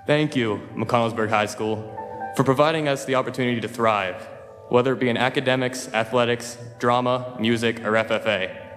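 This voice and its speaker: Speaking at normal speed with a medium, fairly even pitch, a teenage boy delivers a humorous graduation address from a podium. His jokes are dry and a bit self-deprecating, and the recording, made from a distance through the podium microphone, echoes through a large school auditorium with soft music.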